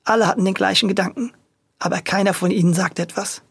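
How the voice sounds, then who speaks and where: A narrator reading a lively children's audio story. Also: medium pitch, fast, vocal fry, husky, no room sound.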